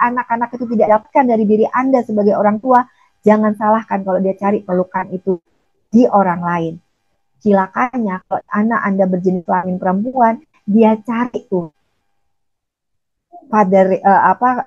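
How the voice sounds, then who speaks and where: A middle-aged woman giving a gentle talk to parents as a parenting coach, calling her listeners dear and acting out what parents say. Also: medium pitch, no room sound, lo-fi sound.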